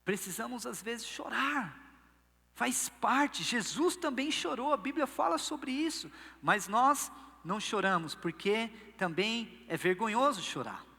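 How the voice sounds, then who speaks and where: A man's voice: very high-pitched, expressive, measured pace, gravelly, sharp tone, slightly rough, big-room sound. A male pastor with a Brazilian Portuguese accent preaching a sermon, telling stories playfully and acting out quotes. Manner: playful storytelling, acts out quotes. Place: church service.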